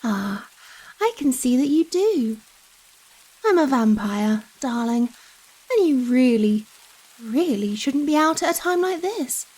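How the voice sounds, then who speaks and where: Rain falls steadily as a giant vampire woman, performed by a female ASMR actor, coos at someone tiny in a slow, intimate roleplay. Her high, lingering voice is husky and exaggerated, her mood coy and smug. She coddles with pet names, tender but possessive.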